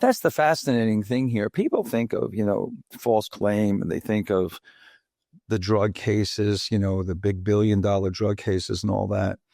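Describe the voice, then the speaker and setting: In this clip the chatty Bronx, New York podcast host speaks a bit slowly in a low, dark voice with vocal fry. The interview is conversational and studio quality with no room sound, and he often asks "right?" to pull his guest into agreement.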